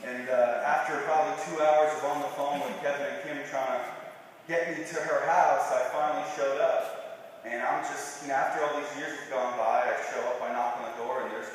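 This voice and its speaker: A young man giving a rambling, informal best man speech at a wedding reception, telling stories in a halting way. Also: medium pitch, steady tone. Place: reverberant wedding reception room. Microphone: distant microphone in the room. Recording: very echoey hall, distant mic, faint noise.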